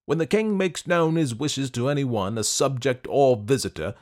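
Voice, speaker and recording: Man doing a storybook executioner, courteous, smooth, polite, menacing. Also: medium pitch, animated, normal speed, a little mellow, pitched above the performer's own voice, natural voice.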